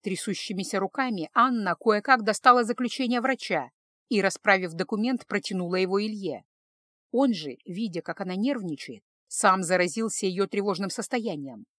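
A woman narrating an emotional love story in a steady, expressive storytelling manner. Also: medium pitch, moderate pace, dry recording. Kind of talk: scripted audiobook narration.

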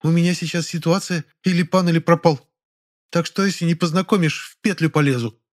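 A man voicing a pushy, dramatic young woman who pleads in a high whiny voice, in an audiobook. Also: fairly even intonation, brisk, lightly acted. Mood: pleading.

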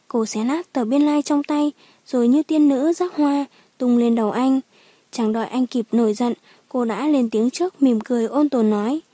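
A woman's voice: on the high side, dark tone, no echo. A woman narrating a dramatic audiobook story in scripted, storytelling style.

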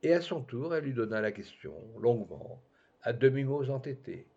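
A man reading a classic literary story aloud, in a measured, literary narration. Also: mid-range voice, big pitch swings, darkish tone, breathy edge. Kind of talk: scripted narration. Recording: dull lo-fi recording.

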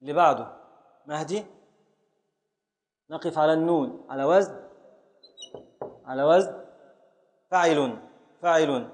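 A man's voice: a little high, measured pace, pauses often, big-room sound. A man teaching a class in Egyptian Arabic, patiently repeating and scanning words aloud and calling on his students. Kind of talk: classroom lesson on Arabic prosody and grammar.

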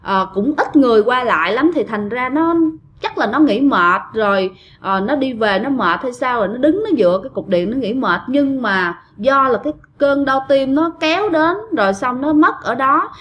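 A woman's voice: high-pitched, lively intonation, moderate pace, fairly bright tone, a little hiss or hum. A woman with a Southern Vietnamese accent, casually retelling a ghost story and chatting directly to her listeners.

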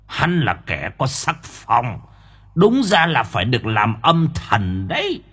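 A man voicing a cryptic old spirit master in an audiobook, speaking in slow, drawn-out pronouncements. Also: mid-range voice, huge pitch swings, a bit bright, slightly rough, heavily acted. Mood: lecturing. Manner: slow, drawn-out sage pronouncements with sudden chuckles.

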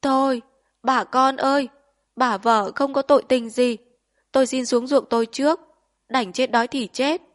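A woman's voice: sits high, fairly even intonation, moderate pace, voice pushed up, lightly acted. A woman doing a sobbing, anguished peasant man. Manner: choked, sobbing lament. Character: male peasant, grief-stricken, sobbing.

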